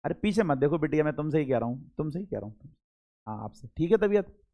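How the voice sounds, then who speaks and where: A man's voice: on the high side, very animated, fast talker, dull audio. A young man, teaching a classroom lecture, chatty, talking straight to his students and repeating key words. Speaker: Hindi teacher.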